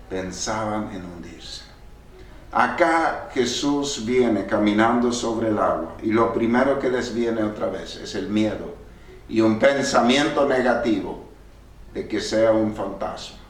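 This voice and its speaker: Slow, low-voiced preacher in an echoey church. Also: male voice, slight background noise. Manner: preaching with sudden rises in pitch and volume. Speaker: pastor. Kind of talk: sermon. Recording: echoey church hall from far off.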